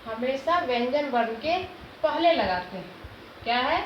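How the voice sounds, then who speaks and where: A high-voiced woman teaches young children, asking questions and answering them herself as she sounds out syllables one by one. The recording is dull and low-fi, with room echo and steady noise behind her. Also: measured pace. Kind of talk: classroom lesson explaining Hindi vowel signs.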